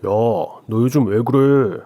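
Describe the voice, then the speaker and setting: A man's voice: medium pitch, slow pace, dark tone, dry recording, natural voice. A man voicing a blunt male colleague who scolds his friend in a frank, brusque way. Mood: scolding.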